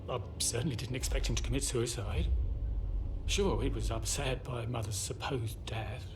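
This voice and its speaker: A man playing a fretful, wry gentleman professor in a video game, speaking in a genteel, wordy, anxious way. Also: medium pitch, steady tone, moderate pace, music in the background, natural voice. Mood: troubled, polite. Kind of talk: video game drama dialogue.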